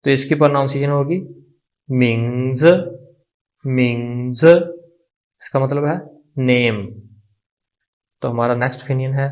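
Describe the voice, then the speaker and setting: Slow, deliberate male teacher. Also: on the high side, rough recording. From Pakistan. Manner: repeats each word several times and asks the class questions. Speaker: language teacher. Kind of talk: slow, repetitive lesson explanation.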